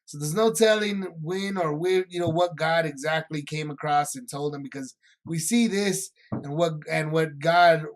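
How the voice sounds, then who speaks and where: A man's voice: on the high side, normal speed. Man teaching a casual Bible study. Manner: loose, rambling retelling with many asides.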